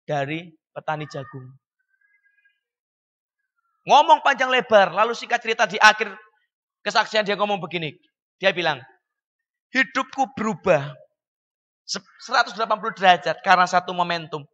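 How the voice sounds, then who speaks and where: A male pastor preaching an emphatic sermon, talking straight to his congregation and jumping from quiet asides to shouts. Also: high-pitched, animated, normal speed, pauses often, in a large hall, highs cut off. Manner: folksy, addresses congregation directly. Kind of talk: fiery sermon. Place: church hall.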